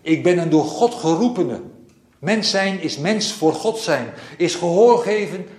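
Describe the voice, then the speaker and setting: A man delivering a sermon at a very slow, deliberate pace, his voice sitting a little higher than most men's. He dwells on repeated phrases in a measured, reflective way. The sound rings with the echo of a church hall. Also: lively intonation, a little mellow. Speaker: preacher.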